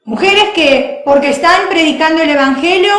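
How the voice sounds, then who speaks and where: A woman preacher giving a sermon, animated and laughing, acting out other people's voices. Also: very high voice, moderate pace, reverberant.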